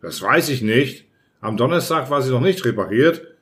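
A man voicing a calm, matter-of-fact man who gives brisk, unbothered answers in an audiobook. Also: medium pitch, close to an everyday voice.

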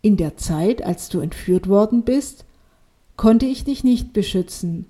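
A woman voicing a gentle mother who has been reborn as a glowing fairy snail. She speaks softly and reassuringly. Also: medium pitch, expressive, measured pace, breathy edge. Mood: tender.

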